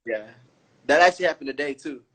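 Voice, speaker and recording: A man's voice: fairly high pitch, expressive, quick pace, a bit bright, low-quality recording. A young man from Florida calling into a livestream, talking in a loose, slangy, rambling way. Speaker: caller on a livestream. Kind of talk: casual chat.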